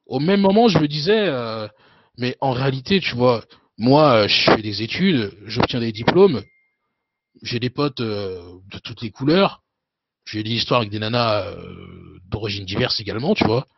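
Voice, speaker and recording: A man in his thirties talks through his story as an interview guest. He is loose and relaxed, fills his pauses with hesitations and conversational tags, and his pitch sits in the middle. The sound is dry and a little dull. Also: no room sound. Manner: loose, with frequent hesitations and "you know" tags.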